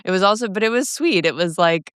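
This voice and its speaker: Chatty young woman, smooth voice. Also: medium pitch, animated, fast, no room sound, clean studio sound. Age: 20s. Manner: chatty, laughing, filler-heavy. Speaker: podcast co-host. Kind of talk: casual family chat.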